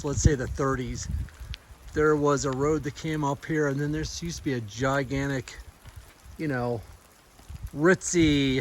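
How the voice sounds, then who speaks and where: A man talking casually to his camera as he hikes, in an understated, musing and informal way. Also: mid-range voice. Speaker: hiker filming a trail vlog. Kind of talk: casual outdoor vlog narration. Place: outdoors on a mountain trail in wet, windy weather. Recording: noisy outdoor recording with wind and rain.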